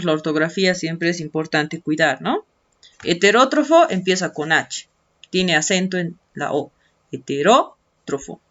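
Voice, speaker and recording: A woman teacher patiently walking students through textbook activities step by step in an online lesson. She often adds a questioning tag and stretches out key words as she writes them. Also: lowish voice. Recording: dull lo-fi screen-recording audio.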